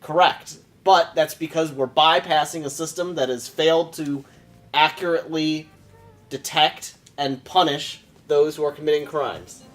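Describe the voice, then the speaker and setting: A man co-hosting a let's play, chatting with a slightly high voice. He jokes with a sardonic edge and swears freely. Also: steady tone, a little slow, soft background music. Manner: joking, sardonic, swears casually. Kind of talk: casual let's play banter.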